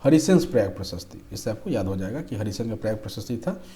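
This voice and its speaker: Teaching exam-prep history, a young man patiently reads out quiz options and their answers while explaining the questions. His voice is lowish, mellow and expressive, and he speaks quickly. "ठीक है" comes up again and again.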